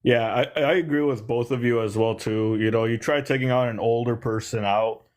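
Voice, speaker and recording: A man's voice: mid-range voice, fairly even intonation, moderate pace. A man calling into a livestream panel, agreeing easily and filling his speech with "you know". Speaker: panel caller. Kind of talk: casual livestream chat.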